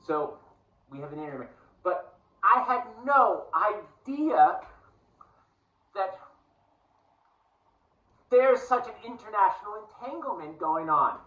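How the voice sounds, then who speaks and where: A man from New shares his thoughts in an earnest, rambling vlog. His voice sits high and sounds bright. He is a little away from the mic, in a roomy space with a dull, lo-fi sound. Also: sing-song, takes it slowly, pauses often, far from the mic. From United States. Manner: musing, digressive, earnest. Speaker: vlogger. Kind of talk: casual monologue to camera.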